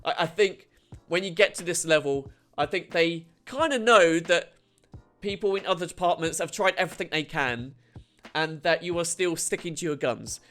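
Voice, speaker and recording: A man hosting a casual advice talk, chatty and wry in manner. His voice sits a little above the usual pitch for a man. Faint music plays in the background. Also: moderate pace, fairly bright tone. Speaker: host.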